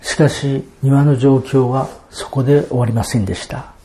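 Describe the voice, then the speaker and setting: A man preaching a sermon, explaining Bible verses in a measured, expository way and reading passages aloud. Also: mid-range voice, steady tone, very noisy. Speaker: pastor.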